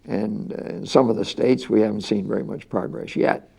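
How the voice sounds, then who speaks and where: Older male interviewee, deliberate and pausing for words, mellow, heavy vocal fry. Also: on the low side, steady tone. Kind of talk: measured interview answers.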